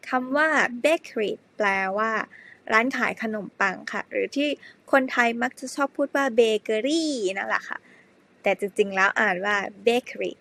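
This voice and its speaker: A woman teaching an English grammar lesson to primary pupils, speaking slowly and spelling words out letter by letter. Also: a little high, vocal fry, sharp tone. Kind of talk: slow spelled-out classroom lesson.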